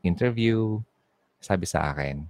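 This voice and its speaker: Low-voiced Bicolano radio DJ, dry sound. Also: male voice, lively intonation, measured pace, darkish tone, no echo. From Bicol, Philippines. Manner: chatty Taglish code-switching, reads listener messages. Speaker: online radio DJ. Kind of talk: casual call-in radio chat.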